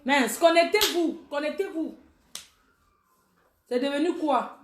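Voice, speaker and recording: A woman's voice: high-pitched, slow pace. A woman on a live stream talking emphatically and indignantly, repeating herself over and over. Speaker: livestreamer. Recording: echoey room.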